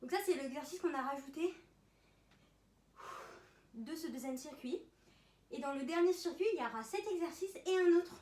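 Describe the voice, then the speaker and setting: A woman's voice: high voice, moderate pace, long pauses, a little mellow. A woman working as a fitness instructor, coaching a circuit workout live with countdowns and short, encouraging commands. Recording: roomy echo, distant mic, background noise.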